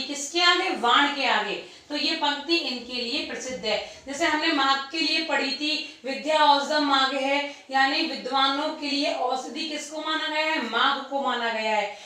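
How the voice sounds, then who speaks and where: Echoey woman teacher, high and bright. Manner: repeats points, asks and answers own questions. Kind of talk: exam-prep lecture. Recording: echoey room, distant mic.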